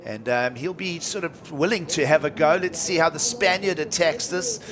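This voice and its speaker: A man's voice: on the high side, moderate pace, crowd noise. A man working as a surf contest announcer, giving live commentary in a colloquial, enthusiastic way.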